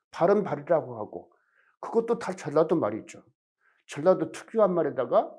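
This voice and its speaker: A middle-aged male professor, lecturing in a fairly high voice. His intonation rises and falls freely. He explains step by step and poses questions to his audience. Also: darkish tone. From Jeolla region of Korea. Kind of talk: recorded lecture.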